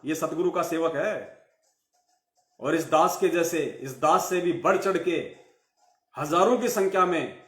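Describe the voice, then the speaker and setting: A man with a light tinge to his preaches fiercely, berating his listeners and repeating phrases for emphasis. His voice sits high for a man. The recording has a roomy echo around it. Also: fairly bright tone. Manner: scolding, rhetorical questions, repeated emphatic phrases. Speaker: devotional live speaker. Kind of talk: fiery devotional sermon.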